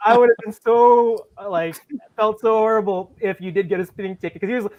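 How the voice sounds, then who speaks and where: A man's voice: high voice, fast talker, dry recording, phone-quality sound. A man hosting a casual podcast chat, rambling with many fillers and apologies. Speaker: podcast host. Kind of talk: casual video-call chat.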